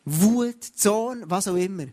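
A man's voice: high voice, slow, warm tone. A man preaching a sermon, speaking straight to his listeners and often starting over with "hey, schau". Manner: addresses listeners directly with repeated "hey, schau" and frequent restarts.

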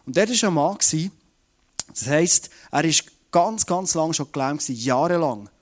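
A male preacher with a Swiss German accent delivers a sermon, retelling the story with lively energy. His voice sits fairly high, and he keeps turning to the listeners with direct questions. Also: moderate pace. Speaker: pastor.

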